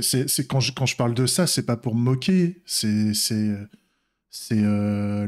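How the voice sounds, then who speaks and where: A man's voice: mid-range voice, a little mellow. A man from France chatting casually on a devlog, rambling, with frequent restarts and fillers. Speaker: indie game developer.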